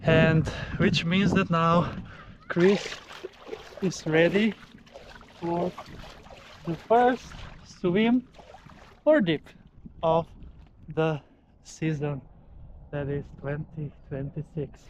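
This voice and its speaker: Male vlogger, fairly high voice, very slow halting delivery, casual, outdoors with light background noise. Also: dull audio. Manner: halting, phrases broken into short pieces. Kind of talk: casual outdoor vlog narration to camera. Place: outdoors at a frozen lake.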